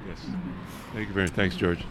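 A man's voice: low voice, fairly even intonation, quick pace. A man working as a field reporter, chatting and interviewing people outdoors by a road. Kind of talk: on-location interview. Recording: clear outdoor traffic noise.

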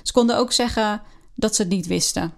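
A woman walks through a research study in relaxed conversation. She talks it out as she goes, pausing on fillers and rephrasing mid-sentence. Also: medium pitch, vocal fry. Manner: hesitant, many fillers and restarts. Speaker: co-host discussing a research article. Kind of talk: casual explanatory conversation.

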